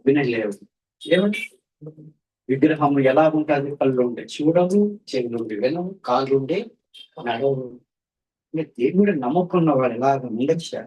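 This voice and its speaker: At an evening sermon, a man with a husky voice fervently calls out hallelujah again and again and throws rhetorical questions at his listeners. He swings between ringing exclamations and quiet, low passages, and he sounds distant from the mic.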